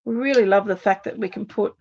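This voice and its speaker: Speaking at a quick pace with a medium pitch and a darkish tone, an Australian woman hosts a casual live card-making demo, chatting and thinking aloud as she works. She's slightly losing her voice, which sounds a little worn, and the recording is muffled.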